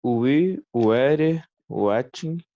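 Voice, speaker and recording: A man's voice: medium pitch, drawn-out words. A man, a student answering hesitantly over a muffled video call, thinking aloud.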